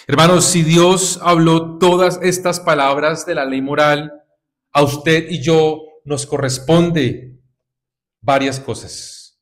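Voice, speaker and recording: A man's voice: fairly high pitch, steady tone, slow pace. A man preaching a sermon to his congregation, exhorting them with repeated rhetorical questions and calls of "brothers". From Colombia.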